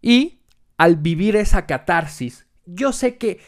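A man's voice: sits high, animated, slow. A man hosting his own comedic monologue podcast, sarcastic and profane. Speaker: podcast host.

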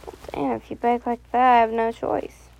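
A woman voicing a cocky young man in a second-person audio story, speaking low, hushed and teasing. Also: little pitch movement, moderate pace, vocal fry, lo-fi sound.

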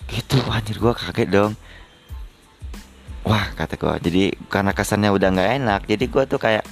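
A young man, chatting to his viewers in a loose, filler-heavy way. His voice sits low and has a gravelly fry. Soft music plays quietly behind him. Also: normal speed. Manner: chatty, slangy, frequent fillers. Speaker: vlogger. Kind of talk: casual storytelling to viewers.

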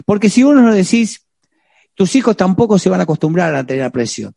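A man's voice: high-pitched, big pitch swings, fairly quick, vocal fry, warm tone, dry recording, clean studio sound. A man with an Argentine accent preaching on marriage, addressing his listeners directly with jokes and frequent rhetorical "¿eh?" tag questions. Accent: Argentine Spanish. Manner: exhorting, peppered with rhetorical "¿eh?"; joking, direct address to the audience. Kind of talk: sermon.

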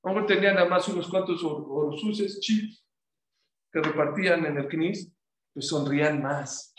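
A man giving a sermon as a rabbi, lively, firing rhetorical questions at his listeners. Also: a little high, normal speed. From Mexico. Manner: animated, rhetorical questions to the audience. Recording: echoey room.

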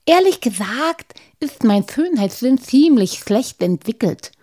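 A woman's voice: fairly high pitch, very animated, slow, warm tone, voice pushed up, full character voice. A woman voicing a dreamy, sentimental male gnome in a storybook reading, speaking in rising, gushing phrases. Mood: musing.

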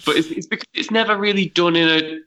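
Bright-toned man, rambling. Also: sits high, fast talker, rough recording. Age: 30s. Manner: rambling, hesitant with many fillers. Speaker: podcast panelist. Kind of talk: casual chat.

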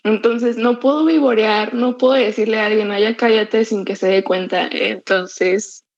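A young woman from Mexico, co-hosting a casual podcast chat, who talks very loudly and forcefully. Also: mid-range voice, steady tone, moderate pace, vocal fry. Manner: very loud, forceful way of speaking. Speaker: podcast co-host. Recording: slightly muffled lo-fi sound.

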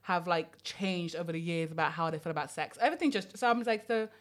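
A woman's voice: on the low side, quick pace. A woman co-hosting a podcast, chatting frankly and rambling with lots of fillers. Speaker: podcast co-host. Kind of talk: casual chat.

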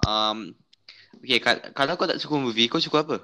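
A young man with a Malaysian accent in casual chat, retelling things in an animated way and restating his points. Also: medium pitch, fairly quick.

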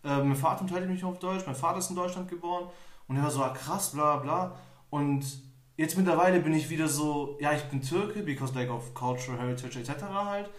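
A young man from Germany hosting a podcast, telling stories in a loose, rambling way full of fillers. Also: fairly high pitch. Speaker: podcast host. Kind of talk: casual podcast conversation. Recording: echoey room, somewhat off-mic.

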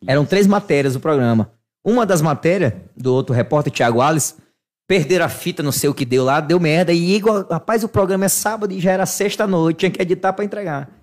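A man, telling animated, self-mocking stories in casual chat and laughing often. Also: on the high side. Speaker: podcast guest. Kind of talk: casual storytelling.

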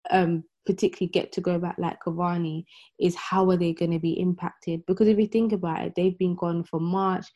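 A woman speaks thoughtfully in a casual discussion. Her voice is lowish and mellow, and the recording sounds dull and lo-fi. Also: little pitch movement, fairly quick. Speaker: mother of a school child.

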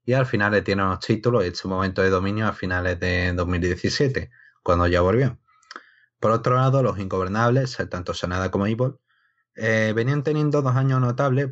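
Low-voiced man in casual wrestling discussion. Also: fairly bright tone. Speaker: wrestling podcast analyst. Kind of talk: casual wrestling analysis chat. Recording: slightly dull, lo-fi sound.

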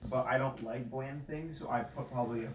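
A man's voice: mid-range voice, steady tone, a little fast, crowd noise. A young man co-hosting a podcast, rambling through a story with lots of fillers and chuckles. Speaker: podcast co-host. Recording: roomy, off-mic with faint noise.

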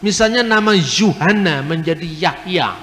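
A man's voice: high-pitched, lively intonation, moderate pace, a bit bright. A man lecturing at a question-and-answer session, explaining word sounds with rhetorical questions and spelled-out letters. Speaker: speaker at a Q&A. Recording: long hall reverb.

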